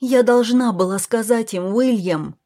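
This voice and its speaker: A woman voicing an agitated, defensive woman who has been keeping a secret, shrill and pleading in a storybook reading. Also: a little slow, dark tone.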